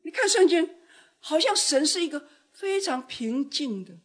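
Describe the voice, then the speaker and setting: A woman preaching a sermon, dramatic, acting out voices from scripture and swinging from loud outbursts to soft, quiet words. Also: high voice, lively intonation, a little slow.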